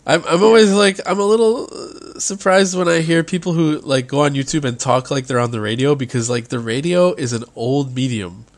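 A man's voice: a little high, normal speed, hardly any pauses. A man chatting casually, joking and asking his co-host questions. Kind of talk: casual chat.

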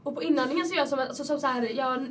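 A young woman with a cold, chatting casually and laughing through her anecdotes. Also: high voice. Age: young adult. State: has a cold. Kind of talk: casual chat. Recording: distant mic with faint background noise.

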